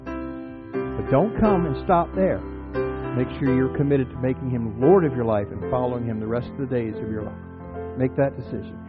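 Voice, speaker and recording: A middle-aged man preaching a sermon in an earnest voice, dropping low and quiet in reflective moments and rising when he urges the congregation on. The sound is dull and carries a long reverberation from the church hall, with soft music faintly underneath. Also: steady tone, brisk. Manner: earnest, shifts from quiet reflection to raised exhortation. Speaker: pastor. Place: church sanctuary.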